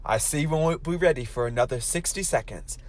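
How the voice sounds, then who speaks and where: A man's voice: on the high side, a little fast, natural voice. A man playing a genial, polished announcer in a 1940s-style radio play, reading the breaks and an advert in a salesy way.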